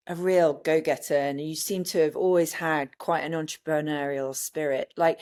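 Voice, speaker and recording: A woman's voice: low-pitched, a little mellow. A woman hosting an interview podcast, asking casual questions with frequent hesitations and restarts.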